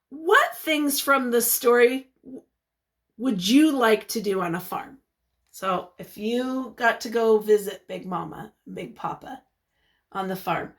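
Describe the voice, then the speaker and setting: Pitched on the high side, a woman gives a teacherly reading of a picture book. She sounds encouraging and expressive, pausing to put questions to the children.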